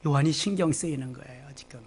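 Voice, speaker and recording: A middle-aged man preaching a Sunday sermon as pastor, acting out the disciples and scolding in sudden loud bursts. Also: mid-range voice, quick pace, slightly rough. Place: church sanctuary.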